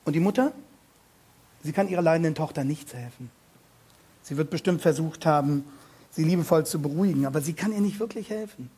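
A man delivers a sermon on a passage from the Bible, pressing his points with emphasis, slowing to repeat key words and putting questions straight to his listeners. His voice sits a little high, warm in tone with a slightly rough texture.

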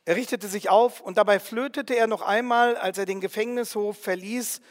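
A man narrating a first-person story in an earnest, vivid way, with quiet emotion. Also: high voice, normal speed, in a large hall.

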